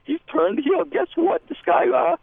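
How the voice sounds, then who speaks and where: A man voicing an excitable, defensive male puppet who calls in over the phone and rambles, quick to get riled up. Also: extremely high pitch, vocal fry, dry recording, heavily acted. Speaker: caller. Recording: tinny phone line.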